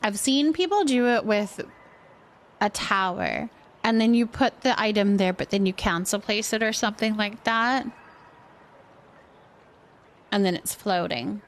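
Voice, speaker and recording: A woman with a mid-range voice talks unhurriedly and pauses often. She hosts a game livestream, chatting casually while playing a building game, thinking aloud and reacting to viewers.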